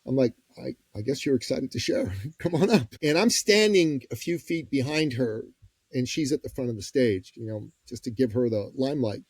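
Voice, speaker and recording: A man, a business coach and podcast guest, telling a story in a lively, folksy way and acting out the people he quotes. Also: medium pitch, normal speed, slightly rough, no room sound. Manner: lively, acts out quoted voices; direct, folksy phrasing. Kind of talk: conversational storytelling.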